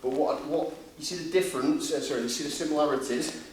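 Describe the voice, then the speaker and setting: A man's voice: fairly high pitch, fast. Echoey Yorkshire man coaching grappling. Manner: informal, blokey, step-by-step instructions with checking questions. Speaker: martial arts seminar coach. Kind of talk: hands-on demonstration teaching with casual banter. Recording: echoey room, distant mic, faint noise.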